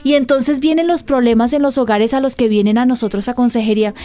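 A woman with a fairly high voice gives an earnest church teaching talk as host of the program. She often turns to her listeners with direct questions. Soft music plays faintly behind her. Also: steady tone, fast talker.

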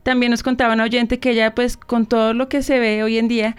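Woman co-host, quick and smooth, relays listener questions. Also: a little high, little pitch movement. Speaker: co-host reading listener messages. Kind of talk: casual radio chat.

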